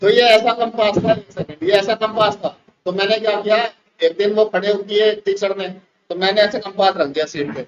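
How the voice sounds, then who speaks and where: A high-pitched Indian male teacher spins a school anecdote for his students, warmly animated. The sound is dull and lo-fi, with a faint hiss underneath. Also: moderate pace. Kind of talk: classroom storytelling. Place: classroom.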